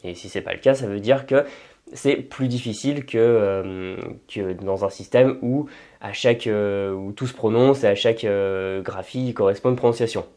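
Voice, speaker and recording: Hesitant French-speaking man, mellow tone. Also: on the low side, moderate pace. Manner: thinks aloud with frequent hesitations and restarts. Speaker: language-learning video host. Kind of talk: informal explanatory talk.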